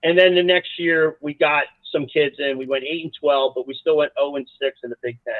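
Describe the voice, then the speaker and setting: A man's voice: on the high side, brisk, no echo. Man telling stories over a tinny line. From South Jersey, USA. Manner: animated, rambling anecdotes with many restarts. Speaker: college soccer coach, guest. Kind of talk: casual storytelling interview. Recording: dry, tinny phone-like line.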